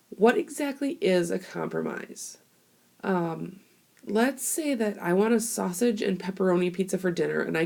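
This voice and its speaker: A young teacher with a cold records a casual history lesson as a classroom screencast on a tablet mic, chatting along with plenty of fillers. Her voice is on the low side, darkish and hoarse, with vocal fry.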